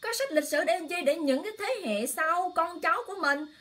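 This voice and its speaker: High-voiced impassioned woman livestreamer. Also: animated, a little fast, fairly bright tone. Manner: impassioned, exclaiming, addresses viewers directly. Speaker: online livestream host. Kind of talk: emotional political talk to viewers.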